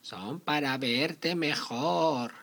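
Man as a drawn-out, high fake granny wolf. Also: gravelly, fairly bright tone, full character voice. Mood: coaxing menace. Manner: drawn-out, feeble, coaxing. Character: wolf faking a frail old grandmother's voice.

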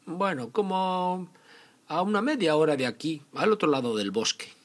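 A man's voice: a little high, expressive, moderate pace, pitched above the performer's own voice, lightly acted. A man voicing a sweet, naive little girl in a storybook tale, innocent and eager with some hesitation. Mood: innocent, cheerful.

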